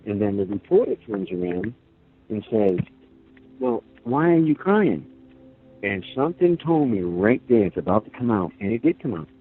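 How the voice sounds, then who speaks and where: A man's voice: fairly low pitch, very animated, brisk, breathy edge. An older man telling his story in a rambling, emphatic way, full of fillers, during a casual phone interview. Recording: tinny phone line, faint music.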